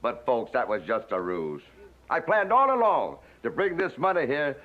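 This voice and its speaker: A middle-aged actor playing a scheming, theatrical uncle who dodges with stammers and then speechifies grandly, in 1960s TV western acting. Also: male voice, medium pitch, very animated, normal speed, natural voice. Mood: grandiose. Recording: dull vintage TV soundtrack with music.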